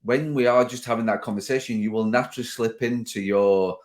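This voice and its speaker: A man from northwest England hosting a podcast, talking in a relaxed, easygoing conversational way. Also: mid-range voice, fairly quick. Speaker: podcast host. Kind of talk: casual podcast interview.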